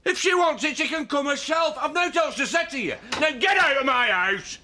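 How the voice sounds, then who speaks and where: A man's voice: sing-song, normal speed, fairly bright tone. An actor playing a menacing, possessive man in a television soap drama, threatening and contemptuous. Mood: hostile. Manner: threatening, contemptuous, growling low at times. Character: menacing, possessive man defending his farmhouse.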